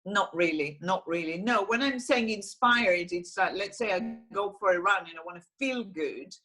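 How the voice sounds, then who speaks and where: A woman in her forties with an Israeli accent, a singer-songwriter talking slowly and thoughtfully on a video call interview. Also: mid-range voice, a bit bright. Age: 40s. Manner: slow and thoughtful, with frequent restarts and laughs. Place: small room at home, indoors.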